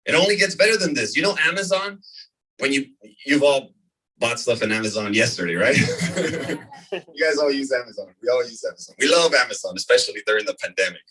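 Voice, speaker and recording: An energetic man in his thirties, from the California desert, presents a business opportunity to a live audience. He keeps repeating figures and checking in with "right?". His voice is bright and slightly husky, picked up from across the room. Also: mid-range voice, brisk. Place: meeting room before an audience. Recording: voice from far off in a room.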